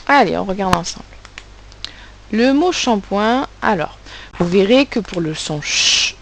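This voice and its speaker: A woman teacher giving a recorded phonics lesson to children, articulating sounds and syllables slowly and with care. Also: mid-range voice, expressive, gravelly, a little hiss or hum, rough recording. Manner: slow, carefully articulated, stressing sounds and syllables. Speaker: primary school teacher.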